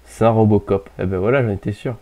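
Mellow-voiced man chatting over a game. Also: lowish voice, fast. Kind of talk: casual gaming chat.

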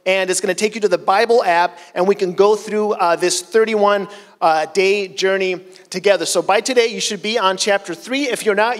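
High-voiced man preaching in a reverberant hall. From Chile. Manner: conversational, self-deprecating storytelling. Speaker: pastor. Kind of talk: casual sermon with personal stories. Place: church stage, large hall. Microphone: handheld mic. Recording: long church hall reverb.

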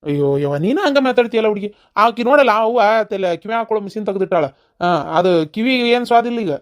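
A woman voicing a brisk, exasperated young villager in a cartoon with a North Karnataka accent. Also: on the high side, lively intonation, close to an everyday voice. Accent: North Karnataka Kannada.

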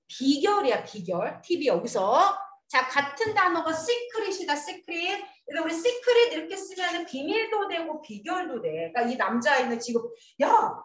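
A woman's voice: high voice, fairly bright tone, a little hiss or hum. A woman teaching an English lesson to a class. She coaxes the students along and drills them with questions. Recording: echoey classroom.

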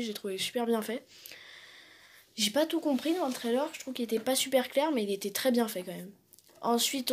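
A woman's voice: a little high, darkish tone. A woman casually recapping upcoming films as a vlogger, hesitant and rambling with many fillers.

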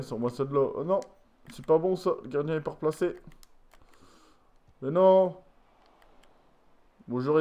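A tired man commentating his own football video game match, swinging from low muttering to shouted goal calls. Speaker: gaming YouTuber. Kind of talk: live gameplay commentary.

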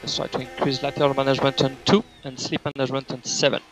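A man's voice: mid-range voice, flat delivery, fast, a bit bright, soft background music, poor audio. A man working as race engineer, giving terse, repetitive, clipped instructions over race car team radio. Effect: team radio transmission.

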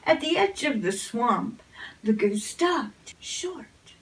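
A woman reads a picture book aloud very slowly and gently. Her voice sits fairly high and moves in a lively way. She sounds a little distant from the mic. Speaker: storybook reader.

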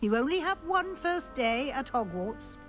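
Firm encouraging older witch professor in a game, highish, expressive. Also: soft background music. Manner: measured, authoritative. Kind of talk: video game dialogue.

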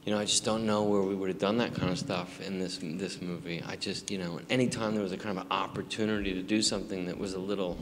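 A man in his forties with an American accent, answering audience questions at a live screening Q&A, halting and rambling with lots of fillers and restarts. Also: low-pitched, fairly even intonation. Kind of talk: casual live Q&A. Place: large theater in front of an audience. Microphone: handheld mic. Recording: long theater reverb, background noise.

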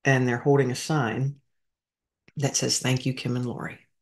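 A woman's voice: a bass voice, level tone, normal speed, a little mellow. A woman, a veteran hosting a podcast, telling an emotional story in a heartfelt, rambling way and talking straight to her listeners.

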